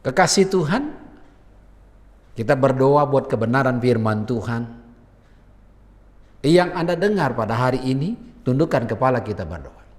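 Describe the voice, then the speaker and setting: A man's voice: mid-range voice, lively intonation, normal speed, long pauses, long reverb tail. A man preaching a sermon as pastor, mixing earnest exhortation with casual, conversational asides.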